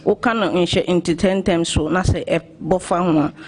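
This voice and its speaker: Brief: man interpreting consecutively at a hearing, voice pitched a bit high. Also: steady tone, unhurried.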